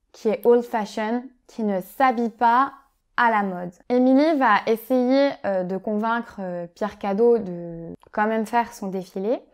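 A woman teaching French vocabulary in a clear, patient way, often pausing on "euh" and acting out example phrases with a lively tone. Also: on the high side. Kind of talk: vocabulary lesson explaining phrases.

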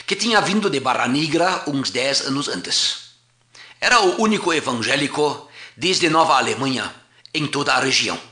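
Narrating a documentary history, this pastor reads formally and at a measured pace. For a man, his voice is pitched slightly high, and it sounds bright and forceful. A clear echo comes from the room.

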